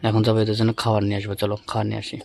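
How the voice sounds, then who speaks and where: A man's voice: on the low side, completely flat delivery, racing, a little mellow. A man talking casually to viewers as he checks on his pigeons and feeds them. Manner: chatty, talks to viewers while tending birds. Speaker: pigeon keeper vlogger. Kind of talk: casual vlog commentary. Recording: loft with clear bird noise. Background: pigeons cooing.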